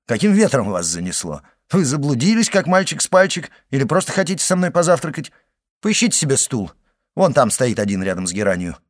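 A man reading the part of a genial, wry male journalist in an audiobook, speaking low and calm. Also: brisk. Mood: cheerful.

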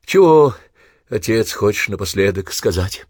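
A man's voice: on the low side, expressive, measured pace, no echo, studio quality. A man voicing a serious, sad middle-aged daughter who speaks firmly and scolds. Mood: stern. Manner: firm, scolding.

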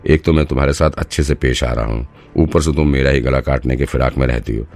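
A man voicing a hot-tempered male police detective who shouts and scolds. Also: a bass voice, steady tone, fast talker, gravelly. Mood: stern threatening.

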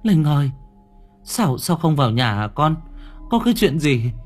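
Male narrator doing a worried old village mother, stammering and pleading, pitched high and husky, faint music under. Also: very animated, normal speed. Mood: calling out. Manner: pleading, calling out, stammering repeats. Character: elderly village mother, frail and anxious.

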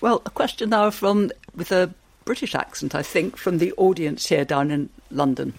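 A radio host leading a live book club event, courteous and lively with hesitant restarts. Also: male voice, high voice, moderate pace, gravelly. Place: studio with live audience.

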